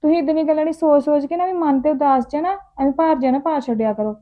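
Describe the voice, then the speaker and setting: A woman's voice: high voice, rapid-fire, muffled recording. A woman playing a younger relative, reassuring and persuasive. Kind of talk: village drama acting.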